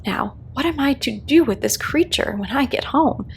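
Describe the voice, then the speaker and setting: Curious storybook girl read by a woman: polite, primly sensible, earnest questions, highly varied pitch. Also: animated, moderate pace, vocal fry, a little hiss or hum. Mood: musing.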